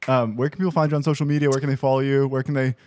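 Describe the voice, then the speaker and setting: A man hosting a podcast in casual chat, chummy and quick with laughter. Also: medium pitch, flat delivery, darkish tone. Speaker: podcast host.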